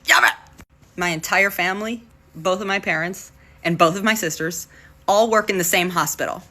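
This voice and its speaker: A woman's voice: lowish voice, sharp tone. A young woman vlogging, telling family stories in a playful, joking way and swearing freely. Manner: playful, profane, jokey with quick asides. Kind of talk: casual storytelling to camera.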